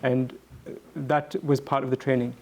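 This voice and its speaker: A man speaking reflectively as a guest answering questions, earnest and halting, often repeating words as he goes. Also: medium pitch, little pitch movement, darkish tone.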